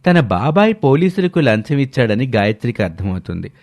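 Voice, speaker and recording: A man narrating a scripted story in a steady, matter-of-fact way. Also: medium pitch, a little fast, no echo.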